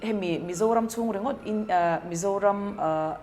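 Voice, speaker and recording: A woman talking in a relaxed, thoughtful way and mixing in English business terms, recorded in a cafe. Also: medium pitch, normal speed, big-room sound, a little hiss or hum. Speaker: entrepreneur guest. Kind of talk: casual conversation.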